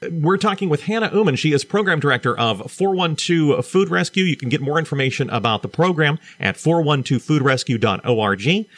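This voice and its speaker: Halting male radio host, dry studio sound. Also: a little high, animated, a bit bright, no room sound. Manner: halting, repeats words when starting a question. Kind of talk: radio interview.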